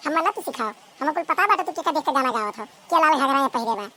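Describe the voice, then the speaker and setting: A woman's voice: high-pitched, expressive, very fast, pushed and bright, heavily acted. Woman voicing a quarrelsome Awadhi village girl. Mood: bickering. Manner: bickering, challenging questions. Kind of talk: cartoon comedy voice acting.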